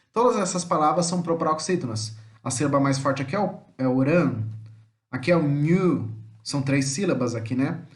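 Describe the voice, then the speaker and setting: Brazilian Portuguese male teacher, slightly high voice, patient explainer for an online lesson, sounds words out slowly. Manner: explains patiently, often checks in with the listener; slowly spells out words syllable by syllable. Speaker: language teacher.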